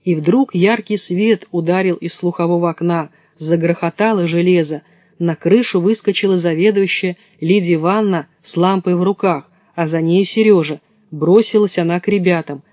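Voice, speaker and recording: A man narrating a children's storybook in a lively storytelling manner. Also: high-pitched, moderate pace, dry recording. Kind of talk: storybook reading.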